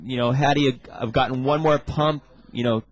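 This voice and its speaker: A male surf contest announcer gives colour commentary on the live action. He has a mid-pitched voice and a loose, casual delivery that halts and picks up again, full of "you know" asides. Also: fairly even intonation. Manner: halting, casual, frequent "you know" and "man".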